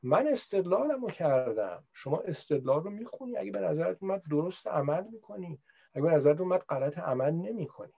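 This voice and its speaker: A man's voice: on the high side, expressive, vocal fry, dark tone, husky. A man in casual, reflective explanatory talk, conversational and full of everyday examples. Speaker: speaker on religious practice.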